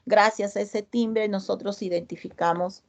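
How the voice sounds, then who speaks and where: A woman's voice: medium pitch, steady tone, moderate pace. A middle-aged woman, teaching an online class and explaining terms step by step while asking her students questions.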